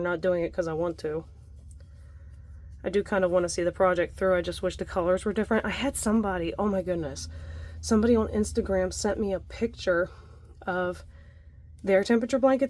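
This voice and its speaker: A woman's voice: on the low side, a little mellow, dry recording. A young adult woman leading a casual crochet tutorial at home, chatty and laughing often, breathing heavily from the effort. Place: home room by a window.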